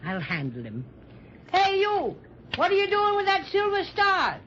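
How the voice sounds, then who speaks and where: A man's voice: very high voice, wildly swooping pitch, unhurried, pushed and bright, full character voice. A man playing a blustering, good-natured stuffed bear with folksy, boastful talk in a 1930s children's radio serial. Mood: bossy, blustering. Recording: dull, noisy 1930s radio recording.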